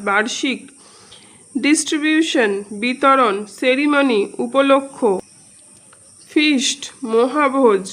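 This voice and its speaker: A woman's voice: high voice, a bit bright, rough recording. A woman, teaching a lesson by reading out words one by one and giving their meanings. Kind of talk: slow classroom-style lesson explanation.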